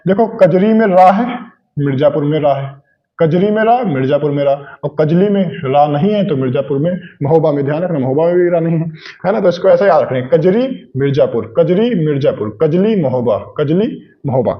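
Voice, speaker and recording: The lo-fi recording captures a male coaching teacher with a highish voice, lively intonation and a brisk pace. He poses questions to his class and answers them himself, drilling key points repeatedly with memory tricks.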